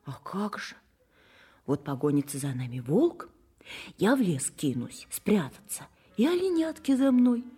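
A woman voicing a gentle, anxious mother deer in an audio fairy tale, soft and breathy. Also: fairly low pitch, big pitch swings, a little slow, full character voice. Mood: anxious, tender.

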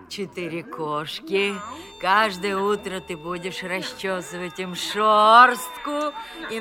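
An actress voicing a fussy, cooing old woman who dotes on her cats, in a radio play. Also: fairly low pitch. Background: music.

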